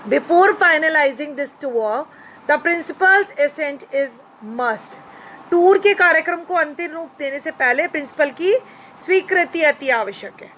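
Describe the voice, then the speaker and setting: A woman with a high voice and an Indian English accent teaches grammar to children, switching between English and Hindi. She speaks very slowly and spells each word out letter by letter. The recording has a faint hum of background noise. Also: expressive, fairly bright tone. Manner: slow, spells words out letter by letter; addresses listeners as children. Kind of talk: bilingual grammar lesson. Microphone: phone screen recording.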